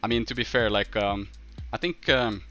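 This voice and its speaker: Here the same kind of northern Swedish streamer, accented and casual, stumbles through replies to his viewers while thinking out loud. His voice sits on the low side with a slightly bright tone, over soft background music.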